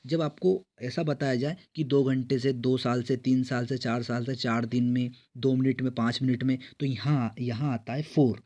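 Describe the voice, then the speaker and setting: A man's voice: mid-range voice, fairly even intonation, warm tone. A man teaching an exam-prep grammar lesson, explaining step by step and asking and answering his own questions. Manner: reads English quiz sentences slowly and clearly.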